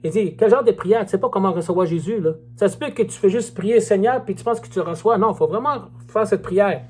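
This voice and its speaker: An earnest evangelist speaks in an informal livestream testimony. The voice sits mid-pitch, and the delivery is repetitive. Messages are read aloud slowly. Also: darkish tone. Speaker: online evangelist.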